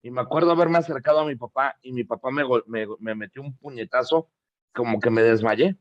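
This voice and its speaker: A man's voice: medium pitch, fairly quick, no echo. A middle-aged man preaching a sermon, emphatic and repetitive, asking the congregation rhetorical questions. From Mexico. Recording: dull, dry lo-fi sound.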